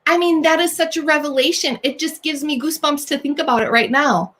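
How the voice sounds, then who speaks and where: A woman with a fairly high voice hosts a faith-based encouragement talk for women. She sounds earnest and warm, and she speaks directly to her listeners. She reassures them, almost as if coaching a friend. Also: brisk. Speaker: host.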